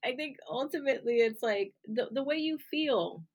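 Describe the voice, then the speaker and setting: A woman co-hosting a casual podcast chat, frank and quick to swear, laughing often. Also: fairly high pitch, animated. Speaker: podcast co-host.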